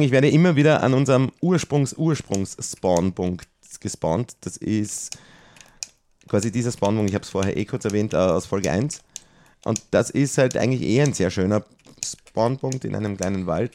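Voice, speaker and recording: A man's voice: fairly low pitch, expressive, normal speed, darkish tone, slight background noise. A middle-aged man, chatting casually with his child while they play a video game, grumbling and easily exasperated. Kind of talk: casual let's-play chat.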